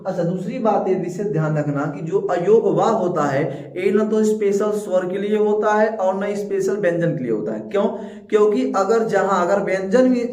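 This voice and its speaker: A man's voice: high voice, darkish tone. A man teaching a class, who keeps asking questions and answering them himself, repeating each point. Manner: repetitive, asks and answers his own questions. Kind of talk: classroom lecture. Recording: echoey room, distant mic.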